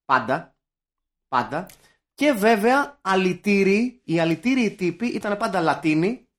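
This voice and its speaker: A man, co-hosting a podcast in casual, animated banter about films, swearing and bursting into mock-shouted quotes. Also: high voice. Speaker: podcast co-host.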